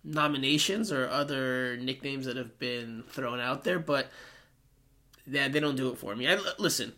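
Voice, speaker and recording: A man's voice: mid-range voice, moderate pace, bright, forceful tone. A man hosting a sports podcast in a chatty way, talking with a swollen cheek after having wisdom teeth out. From Peruvian American. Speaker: podcast host.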